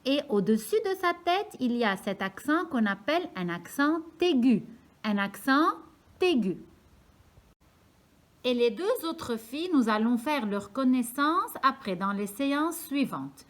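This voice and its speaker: A woman teaching young children a lesson, speaking slowly and clearly and repeating each word so they can follow. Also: high voice, big pitch swings. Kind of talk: slow, careful classroom lesson for young children.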